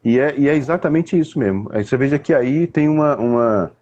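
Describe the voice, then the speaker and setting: Um homem com sotaque brasileiro explicando poesia numa conversa informal, em tom didático e sem pressa. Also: male voice, mid-range voice, a little mellow, dull audio, slight background noise. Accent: Brazilian. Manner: didactic, unhurried, with frequent restarts and "né?" tags. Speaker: poet explaining literature. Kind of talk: casual conversation.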